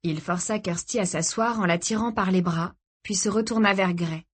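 A woman reading a novel aloud as an audiobook narrator, steady and even. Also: fairly low pitch, moderate pace, slightly rough. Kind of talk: scripted narration.

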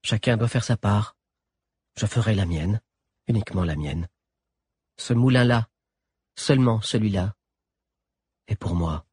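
A man voicing a proud teenage wolf girl who speaks calmly and with scorn. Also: lowish voice, measured pace, long pauses, husky, dry recording. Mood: solemn. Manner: calm and scornful.

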